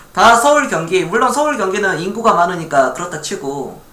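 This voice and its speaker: Chatty Korean man, lively pitch, echoey room. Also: a little hiss or hum. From Gwangju, South Korea. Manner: chatty, reads viewer chat aloud, laughs lightly. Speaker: stock investment streamer. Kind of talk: casual live-stream talk.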